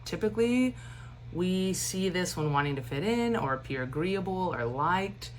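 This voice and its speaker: A woman instructor giving a recorded class lecture in a steady cadence, with animated emphasis and informal asides. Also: fairly low pitch, moderate pace, a little hiss or hum, poor audio.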